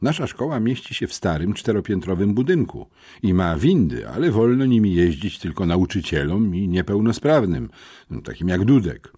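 A man narrates an audiobook with a husky, slightly low voice. His pitch swings widely from line to line, giving the story a lively, expressive drive. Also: normal speed. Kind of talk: scripted narration.

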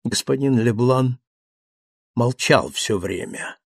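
A man reading a dramatic audiobook narration in a measured, storytelling manner. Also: medium pitch, vocal fry, breathy edge, dry recording, clean studio sound.

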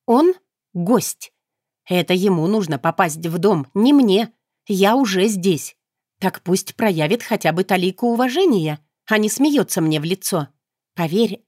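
A woman's voice: fairly low pitch, a little mellow, no echo, clean studio sound. Woman reader as a blunt, teasing young heroine. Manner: blunt, teasing, matter-of-fact. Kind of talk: audiobook character voice.

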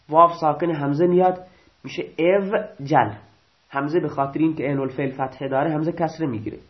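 A male teacher giving a grammar lecture, reading out rules and restating them slowly, often asking and answering his own questions. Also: on the high side. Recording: dull lo-fi recording.

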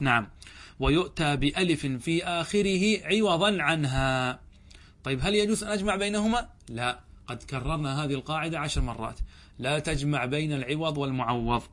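A man, a sheikh, giving a classroom lecture on a grammar text. He reads a passage, explains it, asks questions and answers them himself, and repeats examples slowly. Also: fairly high pitch. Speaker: sheikh teaching Arabic grammar.

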